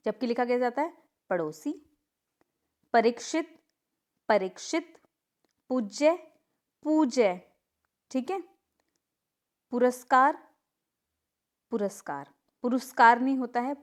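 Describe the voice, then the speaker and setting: A young woman teaching an exam-prep grammar lesson, drilling word pairs and answering her own questions. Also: a little high. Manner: repeats "theek hai" to check in with students.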